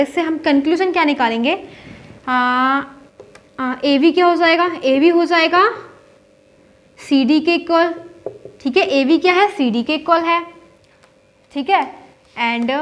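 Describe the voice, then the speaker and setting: A young woman teaching a maths lesson step by step, mixing with terms, asking and answering her own questions and checking in often. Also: sits high.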